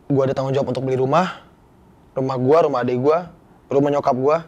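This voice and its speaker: Young man, interview guest, candid, slangy, earnest, middle pitch. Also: steady tone, fast talker, a little mellow, muffled recording. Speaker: guest actor. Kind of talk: casual interview chat.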